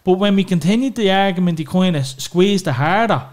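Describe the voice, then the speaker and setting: Speaking briskly in a high voice, an Irish man guests on a podcast and talks openly about his family. His manner is frank and emotional, with casual profanity and many "you know"s.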